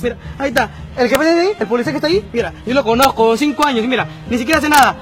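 A high, rapid-fire angry young man, played by a man in a comedy sketch, ranting and cursing. His voice sits very high and races along. The sketch plays over a radio broadcast with loud music behind.

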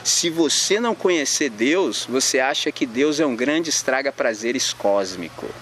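Man, Brazilian accent, youth preacher, slangy informal sermon, very lively pitch, faint noise in the background. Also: measured pace. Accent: Brazilian Portuguese. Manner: slangy, animated, acts out little scenes. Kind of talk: informal sermon to young people.

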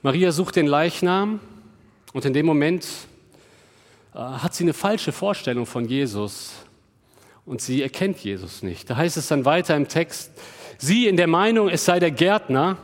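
A male preacher giving a sermon, moving between rising emphatic questions and hushed, tender address to the listener. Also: a little high, animated, unhurried, in a large hall.

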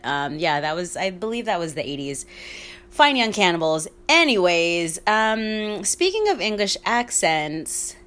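A woman's voice: mid-range voice, a bit bright. A woman in her thirties hosting a solo podcast, talking in a rambling, candid way, swearing freely and laughing often. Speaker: podcast host. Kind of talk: casual solo podcast monologue.

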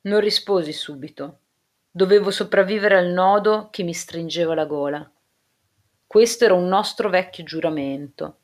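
A woman narrating a novel aloud in a steady, measured reading. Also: lowish voice. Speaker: audiobook narrator. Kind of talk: literary audiobook narration.

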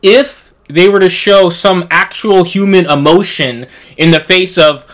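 Animated, sarcastic man with a fairly high voice. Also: unhurried. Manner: animated, sarcastic, laughs often. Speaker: podcast co-host. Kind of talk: casual movie-review chat.

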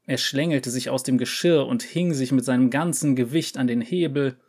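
A man narrating a short story aloud in a calm, measured way. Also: medium pitch, breathy edge.

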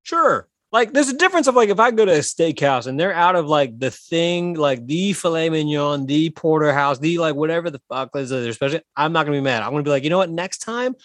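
A man's voice: fairly high pitch, lively intonation, brisk, hardly any pauses, a bit bright, dry recording, studio quality. A man co-hosting a casual podcast, telling stories loosely and swearing freely. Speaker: podcast co-host and improv comedian.

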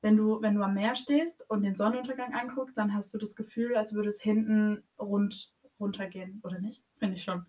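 A woman's voice: medium pitch, steady tone, brisk, hardly any pauses, dark tone. A young woman co-hosting a podcast, chatting casually and asking playful, teasing questions. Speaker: podcast co-host. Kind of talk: casual chat.

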